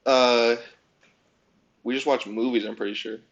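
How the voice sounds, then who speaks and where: A teenage man co-hosting a casual podcast, teasing his friends and quick to laugh. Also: mid-range voice, fairly even intonation, lo-fi sound. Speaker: podcast co-host. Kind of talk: casual chat.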